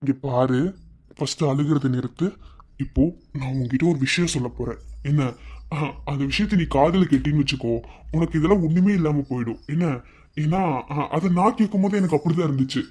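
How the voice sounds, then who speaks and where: A man's voice: a little high, a little fast, a little mellow, breathy edge. Man voicing a coaxing cartoon husband. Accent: Madurai Tamil. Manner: coaxing, pleading to be heard. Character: patient young husband comforting his wife.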